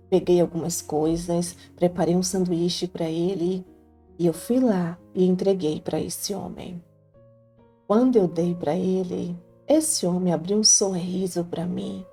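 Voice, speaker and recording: With a lowish, warm voice, a woman speaking in a Brazilian Portuguese accent delivers scripted first-person narration of her life, sounding earnest and heartfelt as if confiding. Faint background music accompanies her.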